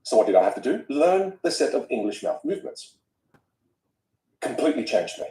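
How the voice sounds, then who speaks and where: Animated Australian man, mellow voice. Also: mid-range voice, fairly quick. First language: Vietnamese. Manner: animated, emphatic storyteller. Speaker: guest, speech coach. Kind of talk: casual conversation. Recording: roomy echo.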